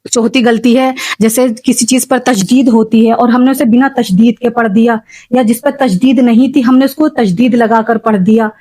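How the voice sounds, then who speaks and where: A woman. She explains patiently and repeats the example sounds slowly, recorded close and dry with no room sound. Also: fairly high pitch, fairly even intonation, mellow, no echo. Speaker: Quran recitation teacher. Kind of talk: spoken religious lesson for beginners.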